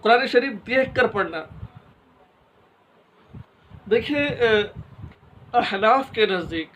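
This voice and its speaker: High-voiced man teaching a religious lesson. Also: fairly bright tone, a little hiss or hum, poor audio. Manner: explains step by step with examples and rhetorical questions; addresses listeners directly and informally.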